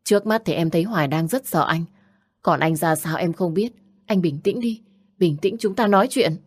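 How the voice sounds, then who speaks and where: A steady young wife who keeps her head and speaks firmly, read by a woman narrator. Her voice sits low and sounds dry and close. It is an audiobook character. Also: moderate pace, husky, no echo. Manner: soothing, firm. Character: calm, loyal young wife.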